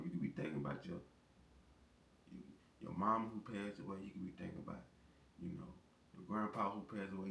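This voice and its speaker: A man's voice: vocal fry, a bit bright. A man giving relationship advice in a casual, rambling monologue, often repeating his words. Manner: rambling, conversational, repeats phrases. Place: in his truck. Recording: roomy, distant mic, faint rumble.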